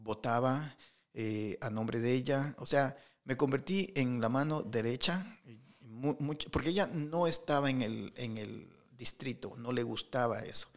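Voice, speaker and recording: A man's voice: medium pitch, a little slow. A middle-aged man telling anecdotes in a casual interview, with lots of fillers and restarts. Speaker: interview guest, entrepreneur. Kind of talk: casual storytelling.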